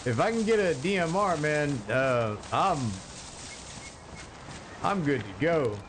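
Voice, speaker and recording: A man's voice: fairly high pitch, lively intonation, noisy background. A man casually commentating his game on a live stream, joking and chatting with viewers, rambling with lots of fillers. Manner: slow, rambling with many fillers.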